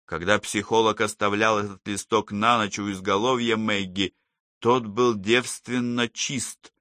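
A male narrator reads a novel in a measured, even way. His voice sits low but has a bright, forceful edge. The recording is close and dry, with no room sound. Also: no room sound. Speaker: audiobook narrator. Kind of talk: scripted narration.

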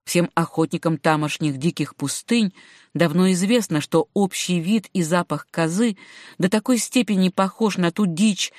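A woman with a lowish voice reads a classic novel aloud as an audiobook, her storytelling measured and even. The studio-quality recording has no echo.

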